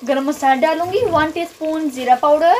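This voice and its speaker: This voice-over comes from a woman with a high, slightly mellow voice at a moderate pace, with a little hiss or hum on the recording. She hosts a cooking channel and explains a home recipe step by step in a friendly, casual way, mixing in English. Sounds of frying and stirring come from her home kitchen.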